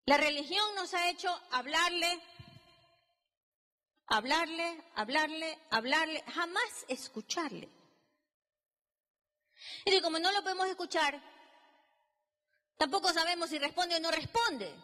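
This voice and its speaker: Woman preacher, high and bright, dramatic sermon delivery, long hall reverb. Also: measured pace, long pauses. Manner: emphatic, dramatic, acts out biblical dialogue.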